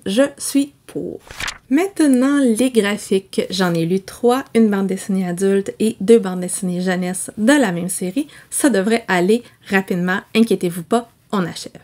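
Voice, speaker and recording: A woman's voice: mid-range voice, darkish tone. A young woman with a Québécois French accent, chatting animatedly to her viewers as she reviews books. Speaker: book vlogger. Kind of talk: casual book review.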